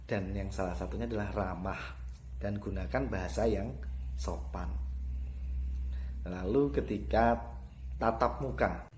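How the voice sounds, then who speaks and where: Low-ish voiced guy teaching a class online, explains stuff step by step, repeats key words. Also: darkish tone, slight background noise. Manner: explanatory, repeats key points, demonstrates tone shifts. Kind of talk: online lesson to students.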